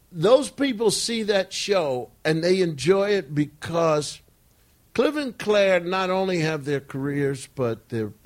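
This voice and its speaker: An older man talking in a slow, rambling, storytelling way, often chuckling between thoughts as an interview guest. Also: high-pitched. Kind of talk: casual storytelling conversation.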